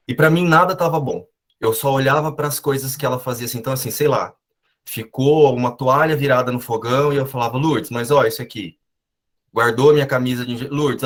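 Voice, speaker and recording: Male group member, mid voice, confessional storyteller over a video call. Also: mid-range voice. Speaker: participant sharing in a study group. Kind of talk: personal sharing on a video call.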